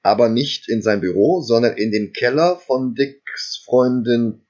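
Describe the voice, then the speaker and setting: A man's voice: medium pitch, a little slow, darkish tone, highs cut off. A man co-hosting a casual film podcast, retelling the plot at length with dry asides. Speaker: podcast co-host recapping a film. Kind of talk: casual chat.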